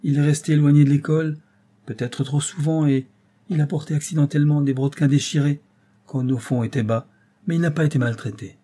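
Old grieving grandfather, halting, quavering, husky mellow tone, voiced by a male narrator. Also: a little high, steady tone, voice pushed up, close to an everyday voice. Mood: pleading. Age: older.

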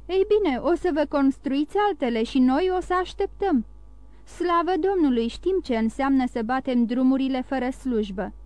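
A woman's voice: sits high, darkish tone, dry recording, lightly acted. A woman voicing a blunt, loyal old sailor who talks plainly and earnestly in a storybook reading. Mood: eager.

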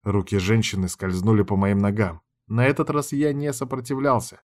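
A man narrating an audiobook in the first person with a steady, measured reading. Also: on the low side.

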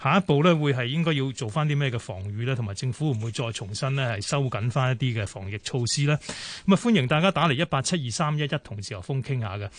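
Brisk Hong Kong radio host, dry mic. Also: male voice, medium pitch, lively intonation, no echo. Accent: Hong Kong Cantonese. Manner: brisk, many fillers and pauses. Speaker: radio talk show host. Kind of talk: radio phone-in hosting.

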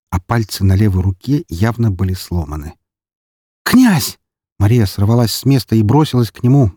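A man narrating a first-person audiobook in a dry, even storytelling manner. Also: fairly low pitch, husky, no echo.

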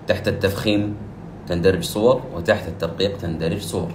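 A man teaching the rules of Quran recitation, explaining briskly and then reciting the example verses slowly and louder. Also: low voice, steady tone, roomy sound, background noise. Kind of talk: tajweed lesson with recited examples.

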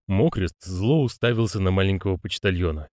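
A man's voice: deep voice, fairly quick, dry recording, clean studio sound. A man narrating an audiobook expressively, voicing the characters. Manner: expressive, theatrical. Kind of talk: audiobook reading with character voices.

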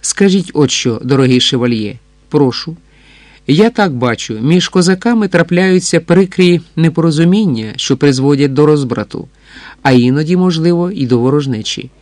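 A man reading as a courteous foreign count in an audiobook, curious and a little flattering. The voice sits on the higher side for a man. The recording is dry and close, with no room sound. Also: normal speed, dry recording, lightly acted. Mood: inquisitive.

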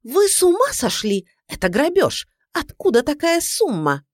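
A shrill, bossy middle-aged mother-in-law, as a woman reader puts her on, her voice pitched high above the narration and swinging sharply as she scolds. She sounds indignant and scheming, pushing hard at everyone, in a close, dry audiobook reading. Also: sing-song, normal speed, no echo. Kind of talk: audiobook character voice.

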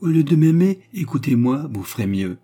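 A man reading the lines of a young woman who feigns repentant love, in an earnest, softly dramatic tone. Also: a little high, big pitch swings, moderate pace, husky, voice pushed up. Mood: pleading. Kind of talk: audiobook character reading.

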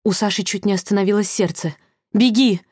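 A woman narrating a thriller audiobook in a measured, tense way. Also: lowish voice, steady tone, dark tone, no room sound, clean studio sound. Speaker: audiobook reader.

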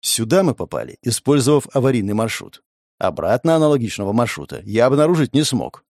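A man's voice: medium pitch, sing-song, a little fast, gravelly, a little mellow, no echo, clean studio sound. A man reading the part of a male brigade leader who speaks matter-of-factly but uneasily. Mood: uneasy.

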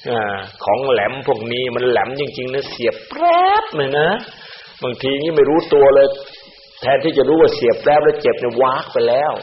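A man, a Buddhist monk, giving a Dhamma sermon in an animated way. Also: medium pitch, a little fast. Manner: animated, acts out other people's words in quoted voices. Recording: roomy, dull-sounding recording with faint hiss.

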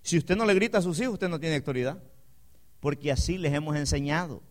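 A man preaching a sermon, calling the congregation "hermano", swinging between loud emphatic declarations and quiet, low asides. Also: a little fast. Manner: addresses the congregation as "hermano" with call-and-response questions.

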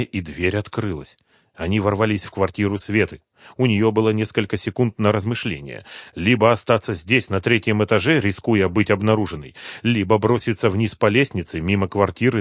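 A man reading a story aloud as narrator, in a tense, measured way. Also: fairly low pitch, no room sound, studio quality. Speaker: audiobook narrator. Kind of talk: scripted narration.

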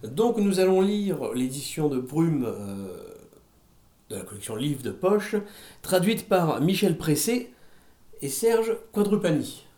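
A man co-hosting a podcast, reading a book passage aloud in a steady, deliberate way. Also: on the high side. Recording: echoey room.

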